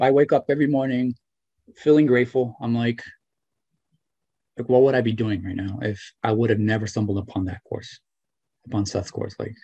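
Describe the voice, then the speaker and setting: A man's voice: mid-range voice, a little mellow. A young man speaks earnestly into a laptop mic from a small room at home. He talks casually and gratefully, with plenty of filler words. The sound is dry and close, with no room echo. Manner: earnest, grateful, many fillers like "you know" and "right". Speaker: interview guest, former student. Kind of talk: video call interview, casual. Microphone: webcam or laptop mic on video call.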